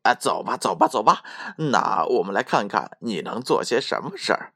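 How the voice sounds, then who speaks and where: A man voicing a pair of greedy male thieves who talk in a startled, hushed and urgent way in a storybook reading. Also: on the low side, big pitch swings, normal speed, exaggerated voice. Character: two greedy grown male thieves, jumpy.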